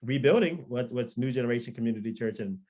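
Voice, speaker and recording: A pastor and record producer in his thirties, born in Liberia and raised in Florida, tells his story in a relaxed podcast interview testimony. His mid-range voice is quick and a little mellow, and he rambles with lots of ums and restarts.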